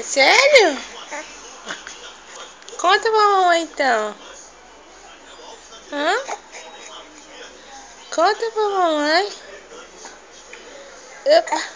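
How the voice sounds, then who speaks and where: A woman coos at her baby in a very high, sing-song voice, drawing each phrase out slowly. It is a homemade home video, and steady background noise hums behind her. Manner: cooing, tender, sing-song baby talk. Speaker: mother talking to her baby. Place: home room with a window.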